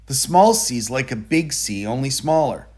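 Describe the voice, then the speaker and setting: A man with a mid-range voice reads a children's picture book aloud. His storytelling is deliberate and expressive.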